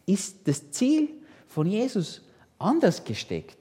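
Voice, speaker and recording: A man preaching a sermon in a lively way, with rhetorical questions. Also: high-pitched, slow pace, in a large hall. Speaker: pastor.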